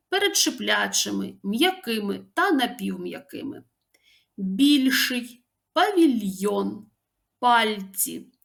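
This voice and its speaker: A woman teacher with an Odesa accent, giving a scripted grammar lesson and stressing each example word slowly and deliberately. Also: a little high, vocal fry.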